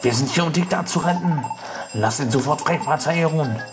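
Guy reading a brave young rescuer creature, earnest, loud game music behind. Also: a little high, normal speed, pitched above the performer's own voice, lightly acted.

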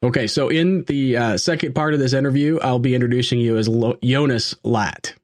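A male podcast host chatting easily with his guest, full of ums and you-knows. His voice sits at an ordinary middle pitch, recorded close and dry with no room echo. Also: a little mellow. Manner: friendly, many fillers, quick asides. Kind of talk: casual interview.

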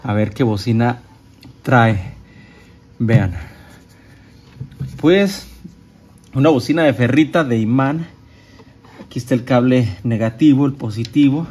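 A man's voice: medium pitch, slow, pauses often, darkish tone. A man with a Mexican Spanish accent giving a casual, chatty walkthrough of sound equipment, with many fillers and restarts as he handles the gear. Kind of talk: casual product show-and-tell.

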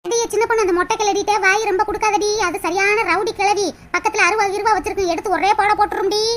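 A gossipy village woman from a cartoon, voiced by a woman, pitched high but dropping into a low, warning hush as she spreads tales about others. A noisy hiss runs under her voice. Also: fairly even intonation, brisk. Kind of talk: cartoon voice acting.

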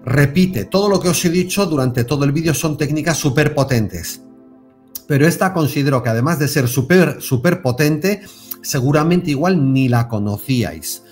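A man with a Spain Spanish accent gives a spiritual self-help talk to camera, lively and repetitive, often checking in with his listeners. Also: fairly high pitch, normal speed, faint music behind. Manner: animated, repeats words and stresses with tag questions. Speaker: self-help video host.

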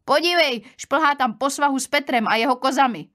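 Woman voicing a nosy, high-pitched village gossip. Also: a bit bright. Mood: nosy, astonished. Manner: prying, exclaiming. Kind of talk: audiobook character voice.

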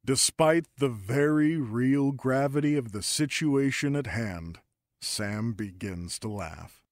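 Calm male drama narrator. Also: mid-range voice, takes it slowly, dry recording, clean studio sound. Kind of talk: scripted narration.

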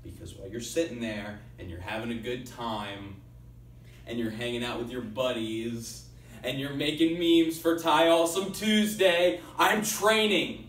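A young man delivering a menacing, theatrical wrestling promo, moving between low muttered threats and loud ones, in a small bare room. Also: measured pace, a little hiss or hum. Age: young adult. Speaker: professional wrestler. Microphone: camera a few feet away. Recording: roomy echo, distant camera mic.

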